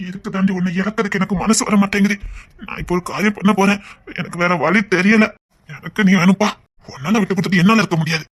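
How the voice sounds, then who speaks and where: A woman with a Tirunelveli accent playing a rough young man who talks tenderly and earnestly to his lover. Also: medium pitch, fairly even intonation, fast talker, lightly acted. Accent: Tirunelveli Tamil. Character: young man Vicky, rough rowdy with a soft heart. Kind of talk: web series drama.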